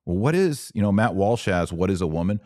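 An American man hosts a podcast of opinion commentary, emphatic and preachy and full of rhetorical questions. His low, a little mellow voice is animated and fairly quick, captured as clean studio sound with no echo.

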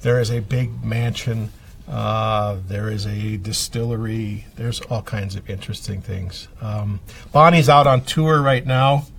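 A man's voice: on the low side, fairly even intonation, a little slow, creaky, a bit bright, breathy edge, recorded from a distance. A man speaking as a librarian guest in a casual radio chat, hesitant with frequent ums as he lists book titles.

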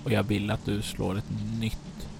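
A man running a tabletop horror game as game master, giving slow, atmospheric narration in the second person. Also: on the low side, level tone, vocal fry. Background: background music.

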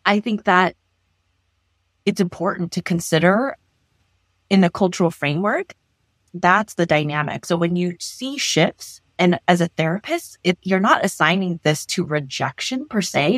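A woman therapist from Los Angeles, talking in an animated way in an interview and often restarting her sentences. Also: lowish voice, measured pace, no room sound. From Los Angeles, United States. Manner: animated, thinks aloud with frequent restarts. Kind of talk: conversational interview.

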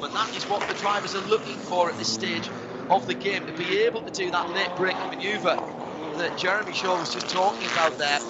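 A man giving fluent, descriptive live motorsport commentary as a play-by-play radio commentator. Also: high voice. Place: live trackside at a street circuit. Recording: dull band-limited broadcast, loud trackside car noise.

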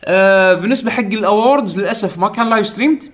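A young Kuwaiti man hosts a relaxed gaming chat. His voice sits high and his words tumble out very quickly. He breaks into laughter often. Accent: Kuwaiti Arabic. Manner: rapid, chatty, laughs often. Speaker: podcast host. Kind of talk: casual gaming podcast chat.

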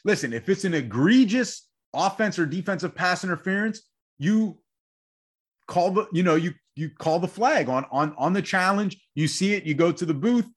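A man's voice: high voice, expressive, normal speed. A man co-hosting a sports podcast, debating in a fired-up, rambling way and repeating himself as he talks. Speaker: podcast co-host.

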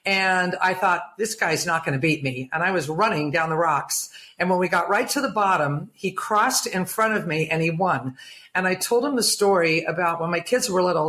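A retired nurse in her seventies, originally from England and long settled in the United States, shares personal stories as an interview guest. Her voice sits on the low side and is a bit bright.

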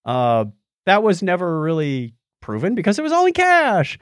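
With huge swings in his high-pitched voice, this man recounts a documentary as a podcast co-host, speaking at a normal pace in a relaxed, conversational style with side comments. The sound is studio quality and echo-free.

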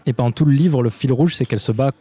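A man interviewing a guest in a relaxed way, with short acknowledgements. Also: mid-range voice, quick pace, slightly rough, soft background music. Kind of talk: conversational interview.

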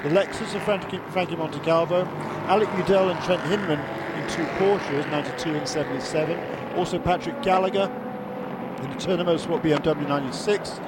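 A man's voice: a little high, fairly quick. A man giving live motorsport commentary and analysis, slightly hesitant as he works through the race order. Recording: loud trackside car noise. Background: loud race cars and track ambience.

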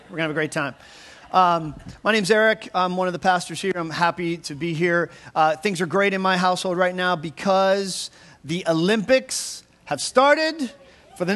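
A man's voice: sits high, a bit bright. A man in his thirties, a pastor, giving a chatty, upbeat sermon full of fillers and restarts. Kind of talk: casual sermon.

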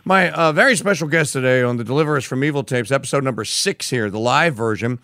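A man hosting a podcast interview, speaking haltingly with many fillers. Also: medium pitch, pushed and bright, dry recording, studio quality. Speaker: podcast host.

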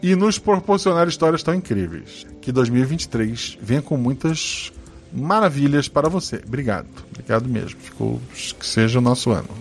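A man's voice: medium pitch, expressive, brisk, faint music behind. Joking Brazilian podcast host man. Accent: Brazilian Portuguese. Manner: joking, swears casually. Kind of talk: casual podcast chat reading listener comments.

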